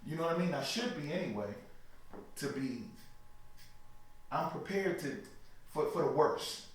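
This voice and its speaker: This interview guest is a man whose voice leans high and sounds expressive at a moderate pace. He preaches with emphasis about religion, frequently checking "you know what I mean." Captured far from the mic in an echoey room, the audio carries slight noise.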